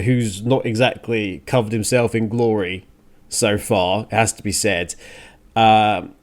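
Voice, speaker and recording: In a mid-range voice, this male radio host rants casually about the news with strong opinions. He speaks haltingly, restarting phrases and hitting points hard out of exasperation.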